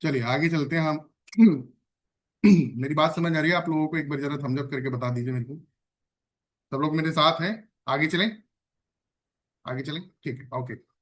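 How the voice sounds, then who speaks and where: A man's voice: fairly high pitch, normal speed, pauses often. A man leading an online sales training session, repeating phrases and checking in with his trainees. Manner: energetic, repeats phrases and asks the audience questions.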